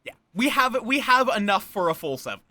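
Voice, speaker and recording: Bright, lively game streamer with a playful streak, voice of unclear gender. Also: mid-range voice, fairly quick. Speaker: streamer and game storyteller running an online social deduction game. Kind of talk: casual livestream chat with friends and viewers.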